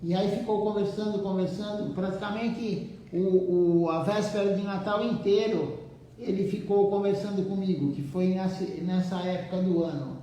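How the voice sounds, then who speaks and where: A man with a high but mellow voice gives a slow devotional talk, stopping and repeating words as he goes. He sounds far from the mic, in a temple hall full of echo. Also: steady tone, a little hiss or hum. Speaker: temple speaker. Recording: very echoey room, far from mic.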